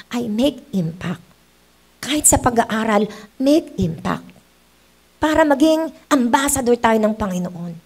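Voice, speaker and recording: A woman's voice: medium pitch, gravelly, darkish tone. A middle-aged Filipino woman pastor preaching a sermon in church, mixing in English and acting out quoted voices. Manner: switches between Tagalog and English, acts out quoted voices.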